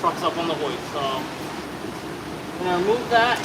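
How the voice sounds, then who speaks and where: A mechanic in his thirties rambles casually through a brake job in an auto shop with a truck on a hoist, swearing now and then as he explains. His fairly high voice has lively intonation at a moderate pace, against a noisy background.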